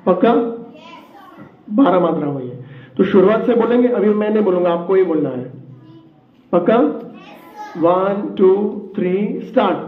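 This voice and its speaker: A man teaching a tabla workshop to a group, reciting rhythm syllables slowly and quizzing the students on the count. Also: sits high, animated. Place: school hall with a group of students. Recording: echoey, phone-like, faint hiss.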